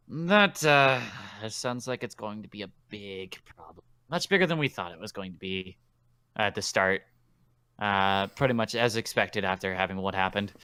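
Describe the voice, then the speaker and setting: Man, game master, rambling narration, smooth clear tone. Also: fairly low pitch, pushed and bright, dry recording. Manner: rambling, many fillers and restarts.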